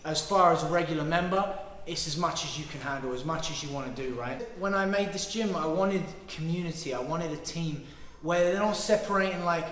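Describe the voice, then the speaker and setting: A man's voice: on the high side, fairly bright tone, a little hiss or hum. A man who owns a Muay Thai gym and fights pro, talking earnestly and proudly about his team, often trailing off at phrase ends. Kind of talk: interview answers. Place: martial arts gym. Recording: echoey hall.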